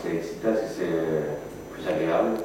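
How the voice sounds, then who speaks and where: A man's voice: sits low, moderate pace. A man working as a sports journalist, asking a question at a press conference, picked up from across the room. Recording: distant, echoey, noisy room pickup.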